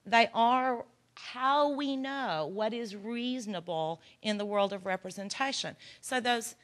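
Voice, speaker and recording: A woman from Texas leads a workshop in a conference room, her Texan accent carrying a folksy, earnest, encouraging manner. She has a fairly bright tone at a medium pitch.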